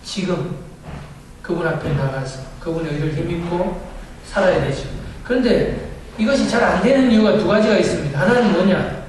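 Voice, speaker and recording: A man's voice: sits high, a little mellow, slight background noise. A male pastor giving a sermon, often asking the congregation questions and answering them himself. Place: church sanctuary. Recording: echoey church hall from far off.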